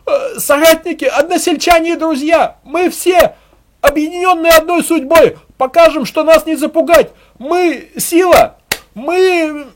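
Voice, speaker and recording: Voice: extremely high pitch, pitched above the performer's own voice. A reader voicing a hysterical male village propagandist who whips a crowd into shrieking chants.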